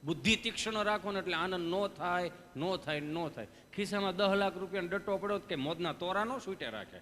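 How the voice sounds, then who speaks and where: A man telling comic stories on stage, chatting and throwing quick asides to the crowd. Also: high-pitched, animated, fairly bright tone, in a large hall, slight background noise. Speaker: stage comedian. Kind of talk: Gujarati folk comedy storytelling. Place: stage before an audience.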